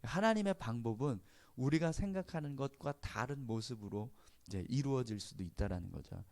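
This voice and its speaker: A man's voice: medium pitch, expressive, moderate pace, darkish tone. Korean male pastor preaching conversationally. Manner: conversational preaching, frequent affirming interjections. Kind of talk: sermon.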